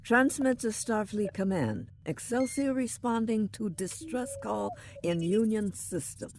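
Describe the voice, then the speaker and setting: Female starship captain, acted by a woman: authoritative, dry wit, gravelly edge, sci-fi radio play. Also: mid-range voice, animated, measured pace, a little mellow, slight background noise. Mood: brisk, commanding. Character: commanding, dryly witty female starship captain. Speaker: voice actor. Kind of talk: science fiction audio drama acting.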